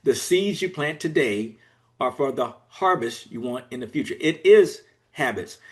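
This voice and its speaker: A man's voice: mid-range voice, expressive, unhurried. A man from Georgia in the US, an executive coach speaking as a guest in a podcast interview, explaining things step by step in an earnest way. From Georgia, USA.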